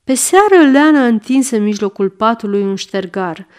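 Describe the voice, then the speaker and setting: A woman narrating a literary story in a measured, dramatic way. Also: a little high, animated, clear, resonant tone.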